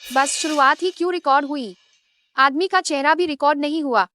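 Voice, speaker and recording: A woman's voice: high voice, normal speed, sharp tone, no echo, clean studio sound. A woman voicing a spoiled, scheming rich girl. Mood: haughty. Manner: haughty, whiny, accusing. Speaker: voice actor in a Hindi dub.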